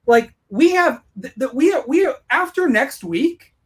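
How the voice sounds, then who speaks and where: A man's voice: extremely high pitch, animated, a little slow. A man co-hosting a podcast from home, chatting eagerly and animatedly and saying "bro" and "dude" a lot. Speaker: podcast co-host. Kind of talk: excited casual chat.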